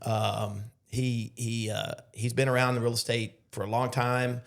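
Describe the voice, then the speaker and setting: A man's voice: medium pitch, measured pace, creaky. A middle-aged man, a podcast guest telling a story casually, acting out quotes with lots of fillers. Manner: animated storyteller, acts out quotes, many fillers. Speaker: podcast guest, loan officer.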